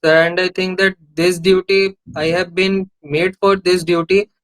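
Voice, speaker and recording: A man's voice: high voice, level tone, unhurried, fairly bright tone, clear, resonant tone, dry recording, low-quality recording. A young man with an Indian accent giving hesitant, deferential, formal answers as a candidate in an interview. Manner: deferential, hesitant formal delivery, often adding "sir".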